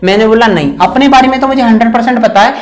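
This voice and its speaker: A male teacher explains grammar in a steady classroom lecture. He keeps asking rhetorical questions and answering them himself, and he drags out the English example sentences word by word. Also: extremely high pitch, racing.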